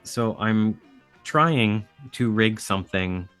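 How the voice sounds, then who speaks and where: A man's voice: lowish voice, lively intonation, takes it slowly, fairly bright tone, clear, resonant tone, faint music behind. A man speaking as a podcast guest, explaining things in an easygoing, casual way. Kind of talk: casual chat.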